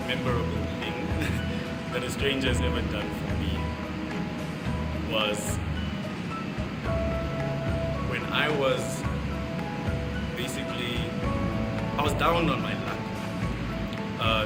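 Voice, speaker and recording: Young Namibian man, halting and earnest. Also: mid-range voice. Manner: hesitant, many fillers and restarts, soft laughs. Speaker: interviewee, bodybuilder. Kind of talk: casual interview answers.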